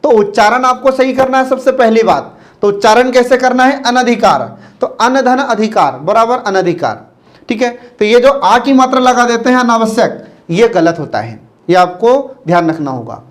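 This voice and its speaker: A male teacher with a very high voice, giving a classroom lecture. He draws each word out slowly, repeats it, and keeps asking whether the students follow. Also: animated. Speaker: Hindi teacher.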